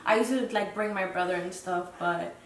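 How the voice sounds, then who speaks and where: Speaking at a moderate pace in a lowish voice, a young Dominican woman in her twenties reflects hesitantly as a podcast guest, filling her casual interview answers with fillers. The distant mic captures roomy echo and faint noise.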